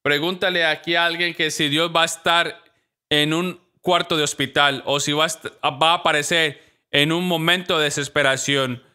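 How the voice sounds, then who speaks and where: A pastor preaching a sermon in a lively storytelling manner, acting out the voices of the people in his stories. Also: on the high side, moderate pace, smooth.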